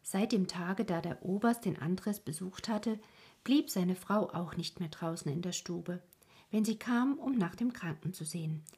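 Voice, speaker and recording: Breathy low-voiced woman reading a story. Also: a little slow, mellow. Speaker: audiobook reader. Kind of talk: storybook narration.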